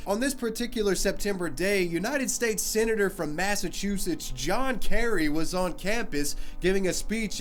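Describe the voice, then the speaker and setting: A man who is sick, narrating a story in a scripted but conversational way, with wry sarcastic asides. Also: a little high. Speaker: video narrator.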